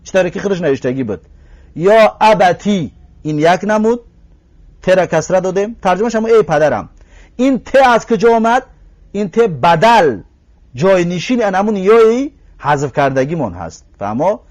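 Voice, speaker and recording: A man with a Tajik Persian accent teaching a grammar lesson, drawing out each example word slowly and asking his listeners rhetorical questions. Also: high voice, sing-song, darkish tone. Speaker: language teacher.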